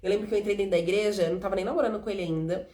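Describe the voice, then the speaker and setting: A woman's voice: medium pitch, rapid-fire. A woman in her thirties from São Paulo with a Brazilian accent, hosting a casual faith testimony chat and acting out the dialogue as she tells it. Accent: São Paulo Brazilian Portuguese. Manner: animated storytelling, acting out dialogue. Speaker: host.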